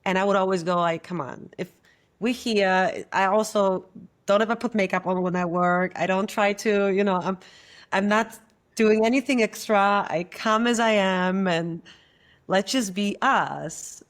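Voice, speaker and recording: A woman from Germany, a coach and co-founder, talking in a relaxed and reflective way as an interview guest. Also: mid-range voice, measured pace. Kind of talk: casual conversation.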